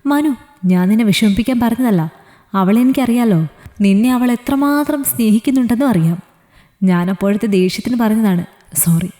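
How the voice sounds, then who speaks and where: A woman's voice: on the high side, expressive, brisk, warm tone, close to an everyday voice. A woman storyteller voicing a young man who coaxes and mocks his friend. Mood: apologetic. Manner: coaxing, mocking. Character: young man, pushy mocking drinking buddy. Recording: reverberant echoey room.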